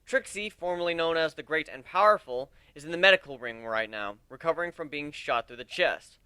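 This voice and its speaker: Man acting Griffin the Griffin, brash forceful captain. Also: a little high, lively intonation, a little fast, clean tone, no echo. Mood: brash, commanding. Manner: loud, commanding, speechifying. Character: brash, cocky male griffin captain addressing his crew.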